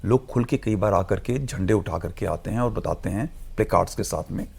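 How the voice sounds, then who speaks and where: A man's voice: lowish voice, a little fast, creaky, a little mellow, breathy edge. A man speaking as a studio guest analyst in a discussion, explaining earnestly and emphatically, mixing English phrases into his talk.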